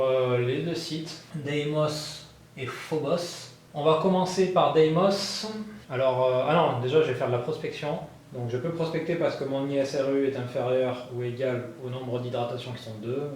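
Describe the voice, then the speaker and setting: A man narrating his solo board game playthrough, thinking aloud with many fillers and bursts of excitement at dice rolls. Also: medium pitch. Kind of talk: casual thinking-aloud gameplay commentary. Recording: very echoey room with faint background noise.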